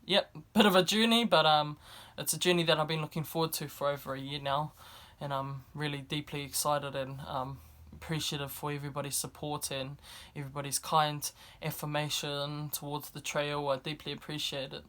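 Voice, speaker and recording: A woman's voice: low voice, level tone, a little fast, hardly any pauses, a bit bright. Young New woman. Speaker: vlogger. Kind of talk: casual vlog talk to camera. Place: indoors, speaking to camera.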